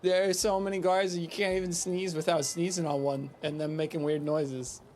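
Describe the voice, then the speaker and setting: A man's voice: on the high side, little pitch movement, fairly quick, darkish tone, a little hiss or hum. A man playing in a tabletop role-playing game, joking and rambling as he repeats his points. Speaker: player. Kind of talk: casual chat in a tabletop game.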